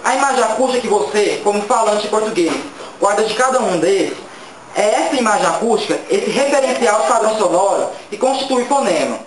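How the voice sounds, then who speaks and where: A student presenter reading a prepared grammar presentation aloud in a steady manner. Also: medium pitch, brisk. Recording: echoey room with clear background noise.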